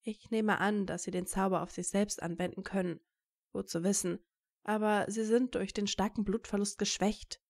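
An earnest young student who explains himself gently and patiently, as a woman reading a story voices him. The tone stays close to her own slightly gravelly reading voice. It sounds like a plain storybook read-aloud. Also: medium pitch, steady tone, normal speed, close to an everyday voice. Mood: gentle. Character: calm young male student healer, earnest.

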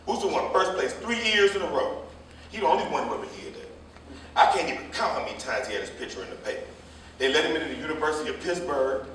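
In a staged reading of a play, a man voices a gossipy, combative old jitney driver who scolds the young and tells stories in a folksy, rambling, colloquial way. His voice is a little high, fairly bright, animated and fast. The far mic picks up an echoey hall with faint noise.

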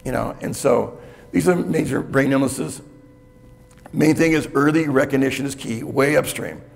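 An older man with a gravelly edge speaks at a middle pitch, talking candidly and conversationally to a conference audience and often checking in with the room. His voice rings with the long reverb of a hotel conference hall. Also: normal speed. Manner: candid, conversational, with frequent "okay?" check-ins. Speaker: keynote speaker. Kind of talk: conference keynote talk.

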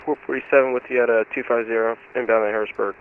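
A man's voice: medium pitch, steady tone, very fast. A man as a pilot making calls and readbacks to air traffic control over a tinny radio. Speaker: simulator pilot calling the controller. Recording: tinny, band-limited aviation radio.

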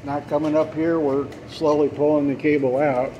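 A plumber working in an indoor basement utility area gives casual how-to commentary on clearing a clogged drain. His fairly high voice is level and unhurried, barely rising or falling, and he relaxes into explanations that trail off with fillers. Running water and machinery fill the background of the lo-fi recording.

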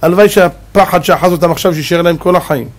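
Animated high-voiced rabbi preaching. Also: male voice, slight background noise. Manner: dramatic, swings between loud exclamations and low asides, rhetorical questions. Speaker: rabbi giving a Torah lesson. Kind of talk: animated sermon.

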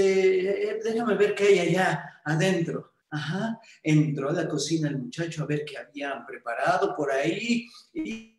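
A man telling a story aloud to young people, lively and repetitive, often correcting himself as he goes. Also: high-pitched. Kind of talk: oral storytelling for teens. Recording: roomy sound, distant mic.

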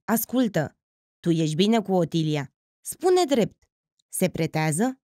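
An awkward, brooding young man with a slow, fumbling way of asking things, read aloud by a woman narrator. The line is dry and close to the mic, with a voice that swings widely in pitch. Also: animated, warm tone, no echo, lightly acted. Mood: prying.

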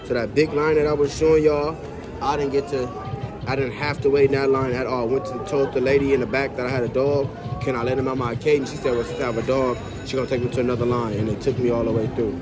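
A man's voice: medium pitch, level tone, quick pace, music in the background. Laid-back young man vlogging on a phone. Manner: laid-back slangy talk to viewers. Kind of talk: casual travel vlog. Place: airport terminal, walkway and parked car. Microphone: phone held low at arm's length. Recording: noisy background.

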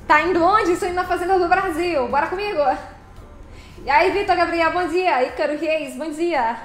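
A woman's voice: very high voice, moderate pace, echoey room, a little hiss or hum. A woman live-streaming a truck game, chatting casually, laughing often and greeting viewers by name.

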